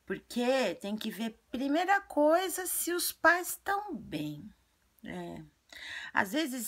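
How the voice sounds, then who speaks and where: A woman voicing an earnest, chatty little girl who tells childlike stories and gives advice in a breathy, often half-whispered voice. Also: on the low side, exaggerated voice. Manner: childlike storytelling, repetitive. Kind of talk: video monologue in character.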